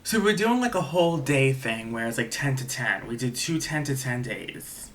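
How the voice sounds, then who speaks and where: A man's voice: mid-range voice, expressive, moderate pace, fairly bright tone, a little hiss or hum. A young man telling a casual story in a rambling way, full of fillers and swearing. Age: young adult. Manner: rambling, filler-heavy, profane.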